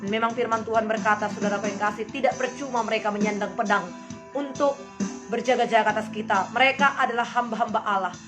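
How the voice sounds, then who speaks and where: A woman's voice: fairly high pitch, fairly even intonation, quick pace. A woman pastor, preaching and praying fervently and calling out to her listeners again and again. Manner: fervent, repeatedly calls the listeners "my brothers and sisters". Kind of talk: sermon and spoken prayer. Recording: music playing behind the voice.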